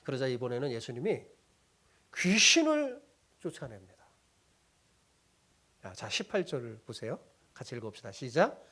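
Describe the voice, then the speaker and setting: A man's voice: medium pitch, sing-song, normal speed, long pauses, sharp tone, breathy edge. A middle-aged man from South Korea, a pastor preaching a sermon with rhetorical questions and acted-out quotes.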